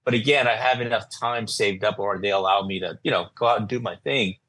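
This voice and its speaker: A man's voice: lowish voice, fairly quick, fairly bright tone. A man talking casually as a podcast guest, informal and emphatic, often repeating his phrases. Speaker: podcast guest, content creator. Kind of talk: casual conversational podcast talk.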